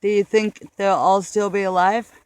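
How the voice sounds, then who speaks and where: A man interviewing someone in a mock documentary, asking questions in a deadpan way. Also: high voice, normal speed, clean tone, no echo.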